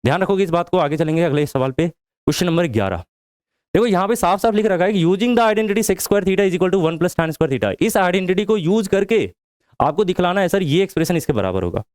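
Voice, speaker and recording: A man with a slightly high voice teaches maths step by step, putting questions to his class and answering them himself. He is from India. The recording is dry and close, with little room sound. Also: animated, a little fast, a little mellow, clear, resonant tone, no echo. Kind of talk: whiteboard lesson.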